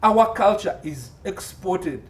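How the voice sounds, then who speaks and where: Slow and expressive, this high-voiced man with a Ugandan accent appears as an interview guest giving expert entertainment law commentary. He drives points home by repeating phrases; the mic sits at a distance and faint noise is audible.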